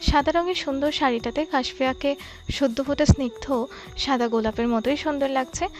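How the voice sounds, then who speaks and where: High pitched lady telling a love story, calm and even. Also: fairly quick, faint music behind. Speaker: story narrator. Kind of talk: scripted narration.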